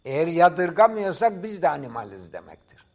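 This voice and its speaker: A middle-aged man speaks as a professor on a discussion program. He talks in a didactic, emphatic manner. His voice sits a little high for a man. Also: big pitch swings, fairly quick, a little mellow. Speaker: professor as studio guest. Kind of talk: explanatory talk-show discussion.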